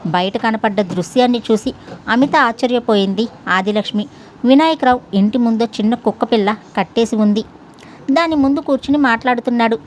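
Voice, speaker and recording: A woman narrating a scripted domestic story in an even storytelling manner. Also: fairly high pitch, brisk, slight background noise.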